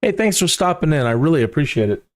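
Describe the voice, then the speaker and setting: A man's voice: a little high, animated, fast. A man live-streaming a game in casual commentary, thanking his viewers effusively and pleading for their support. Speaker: live streamer playing a flight simulator.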